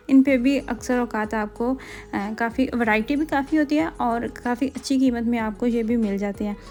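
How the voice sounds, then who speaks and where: A woman in her thirties from Pakistan with a Pakistani Urdu accent, narrating her family shopping trip in a casual vlog voice-over and often pausing to search for words. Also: fairly high pitch, dark tone. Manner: chatty, rambling with frequent hesitations. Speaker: vlogger.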